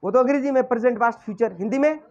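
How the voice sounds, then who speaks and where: A man's voice: very high-pitched, very fast, a little mellow, dull audio. A male teacher giving a lesson, quizzing the class with repeated questions and then answering them himself. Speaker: English teacher.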